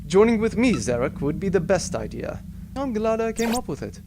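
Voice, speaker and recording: A boastful, roguish space captain acted by a man in a comedic sci-fi audio drama. His voice sits high for a man and swings theatrically with pompous bravado. The amateur recording has clear background noise. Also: big pitch swings, moderate pace. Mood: grandly boastful.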